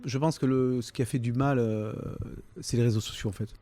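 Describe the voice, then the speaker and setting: A man in his fifties with a Provençal accent, answering interview questions in a halting way, full of fillers and restarts. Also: medium pitch, fairly even intonation, mellow, no echo. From southern France, Toulon. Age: 50s. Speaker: comedian, interview guest.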